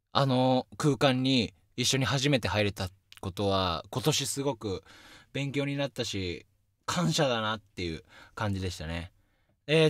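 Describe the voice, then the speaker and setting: A young man hosting a casual solo radio talk show, telling stories in an animated way and poking fun at himself. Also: mid-range voice, dry recording, studio quality. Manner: lively, animated storytelling with self-deprecating asides. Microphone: studio microphone.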